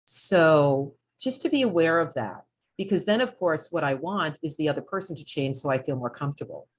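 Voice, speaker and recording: Lady w a low voice, reflective n measured, sharing advice conversationally. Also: lively intonation, slightly rough. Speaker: former hospice volunteer coordinator offering advice.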